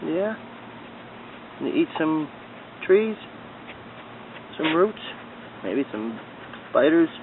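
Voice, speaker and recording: Man, fairly high voice, slow and easy, coaxing a pet dog outdoors; tinny handheld camera audio with faint background noise. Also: big pitch swings. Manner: playful, coaxing baby talk to a dog. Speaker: dog owner filming his pet. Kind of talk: casual talk to his dog while filming. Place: outdoors in a back yard. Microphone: handheld video camera.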